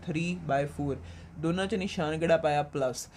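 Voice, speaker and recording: A woman math teacher from Punjab, India, walks a class through a lesson step by step. She asks a question, pauses, and supplies the answer herself, repeating key points patiently. English math words are sprinkled through her explanations. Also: low voice, darkish tone, a little hiss or hum. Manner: mixes English math terms into her talk.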